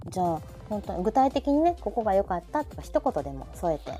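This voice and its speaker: A Kansai-accented woman leads a live audio show in a sing-song, dark-toned, mid-range voice at a quick pace. She keeps the chat casual and regularly jumps in with agreement, over faint background music.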